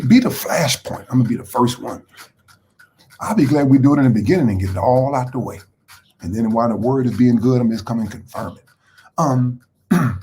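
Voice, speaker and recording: A man's voice: mid-range voice, warm tone, a little hiss or hum. A man hosting a live motivational talk. He speaks conversationally, repeats phrases for emphasis and greets viewers by name as he goes. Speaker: motivational host.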